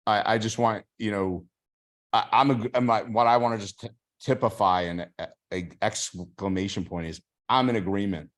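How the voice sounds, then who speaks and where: A man with a lowish voice hosts a casual online community call. He talks with animated energy and slips into mock sales pitches to make his points, heard through a video call mic. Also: normal speed.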